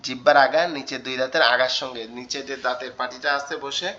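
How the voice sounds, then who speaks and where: A man's voice: mid-range voice, fairly even intonation, quick pace, bright, forceful tone. A man teaching Arabic letters in an online class, patiently repeating each sound and questioning his students. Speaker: Quran teacher. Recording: dull online call audio.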